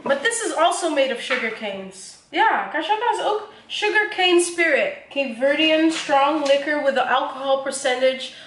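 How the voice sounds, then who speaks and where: A young woman chats her way through a home cooking vlog, joking, laughing and swearing as she goes. Her voice is high and bright. The kitchen sounds echoey, with faint background noise. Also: animated, normal speed, hardly any pauses. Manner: chatty, joking, laughs often, casual swearing. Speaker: vlogger.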